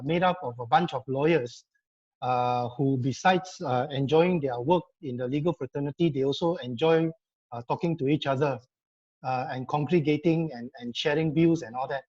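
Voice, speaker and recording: A man's voice: a little high, dark tone, breathy edge. A man speaking on a live online law panel, hesitant with many fillers and restarts. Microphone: video call. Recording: dull lo-fi video call audio.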